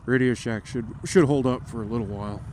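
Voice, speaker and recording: A man's voice: medium pitch, a little fast, a little mellow. A man chats casually and profanely in a rambling way while riding, recorded on a mic inside his motorcycle helmet. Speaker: motorcycle vlogger. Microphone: microphone taped to helmet. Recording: wind and engine noise, helmet mic.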